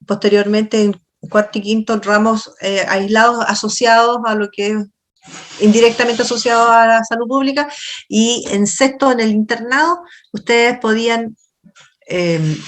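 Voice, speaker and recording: Teaching a university course by video call, a middle-aged woman with a Chilean accent keeps it chatty, asks her students questions, and explains in a stop-start way. Her pitch is medium, and there's slight background noise.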